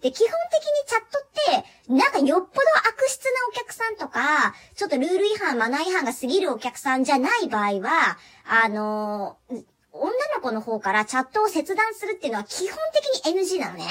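A young woman telling a funny story from her job in a chatty, animated way, laughing often. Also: high voice, fairly quick. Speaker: live chat performer telling a work story. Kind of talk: casual solo talk radio storytelling.

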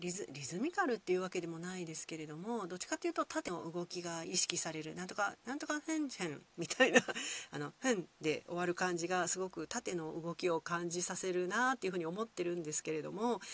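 Gentle Kyoto-accented woman podcaster. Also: on the low side, lively intonation, brisk. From Kyoto, Japan. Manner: gentle, musing, many fillers. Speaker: podcast host. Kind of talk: solo podcast talk.

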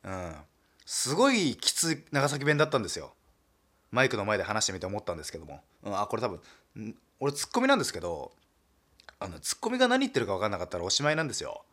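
A male comedian from Nagasaki chats on his own in a relaxed, self-mocking way. His voice sits low yet swings widely in pitch, with frequent fillers and easy chuckles. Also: quick pace. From Nagasaki, Japan. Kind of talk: casual solo talk monologue.

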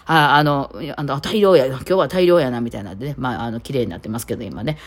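Here a podcast host from Kitakawachi in Osaka, Japan, chats casually on her own, her low voice quick and rambling with lots of fillers. Her accent is Kansai, specifically the Kitakawachi dialect.

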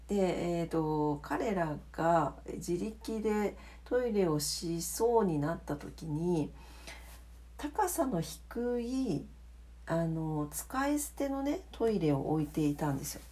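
Casual solo radio host, female, lowish voice with very animated intonation; polite, chatty, gently self-mocking. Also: slow. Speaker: solo audio diary host, radio-DJ style greeting. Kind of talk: casual late-night solo chat.

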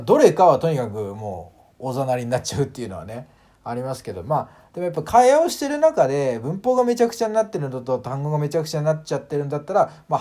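Guy talking solo on his own show, chatty and lively, voice swings up and down a lot, lots of um and like. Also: fairly high pitch. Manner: animated, demonstrates sounds, frequent fillers. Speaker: podcast host. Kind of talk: casual solo talk.

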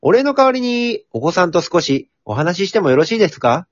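A man acts out a jolly, earnest Santa in a comedy radio drama. The voice sits high and moves around a lot, theatrical yet polite. The recording is slightly dull and very dry. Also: big pitch swings, fairly quick, no echo. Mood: earnest, gentle.

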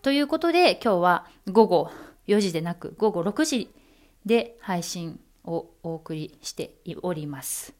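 A woman announcer hosts her own solo talk show. She chats in a relaxed, playful way, with many small fillers and asides. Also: lowish voice, a little slow. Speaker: announcer and podcast host.

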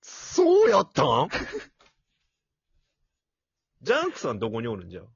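Man, playful teasing banter, husky voice, dry dull recording. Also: medium pitch, huge pitch swings, moderate pace, no room sound. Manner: playful teasing, bursts of laughter. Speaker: podcast co-host. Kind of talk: casual joking chat.

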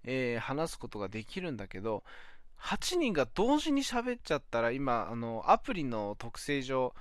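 A young man talks alone into his phone for his weekly talk show, rambling and filling pauses with hesitant ums and self-mocking laughs. His pitch swings widely between phrases. The sound is dry and close, with no room around it. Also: wildly swooping pitch, no echo. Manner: rambling, many fillers, self-deprecating laughs. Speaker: podcast host. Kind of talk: casual solo talk.

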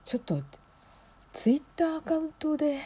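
A woman hosting a casual talk, commenting in hushed whispers while she watches a concert stream at home. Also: high voice, unhurried. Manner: speaks softly in hushed whispers; chatty, reacts aloud to what she sees. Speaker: podcast host watching a livestream.

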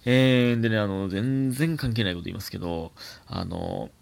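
A young man with a Kansai accent, hosting a solo talk show, chatting casually and reading listener mail in a rambling, animated way. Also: fairly low pitch, normal speed, creaky. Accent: Kansai Japanese. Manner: chatty, animated, rambling musings with laughs and self-corrections. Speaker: podcast host.

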